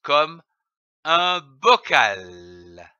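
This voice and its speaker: In a dry, somewhat dull recording, a man leads young children through early reading, pronouncing every letter and syllable at a very deliberate, slow pace. His voice is fairly high and bright, moving up and down with energy.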